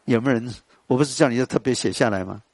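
Lively Taiwanese Mandarin man teaching poetry. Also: medium pitch, no echo. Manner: lively, quizzes students, chants lines slowly. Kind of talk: classical poetry tonal lesson to students.

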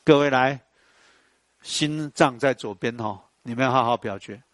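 A man, lecturing a class in an animated, storytelling way and putting questions to the audience. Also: medium pitch, moderate pace, dry recording.

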